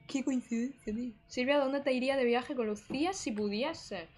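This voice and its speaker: A woman's voice: high voice, moderate pace, a little mellow, faint music behind. A young woman with a Spain Spanish accent, casually commenting on a horror game and reading its messages aloud in a chatty, jumpy, joking way. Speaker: gaming streamer. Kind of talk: casual let's play commentary.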